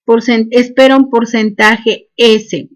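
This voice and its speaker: A woman's voice: fairly high pitch, little pitch movement, slow pace. A woman, teaching a programming class and dictating each step with "este" fillers. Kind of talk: screen-recorded coding lesson.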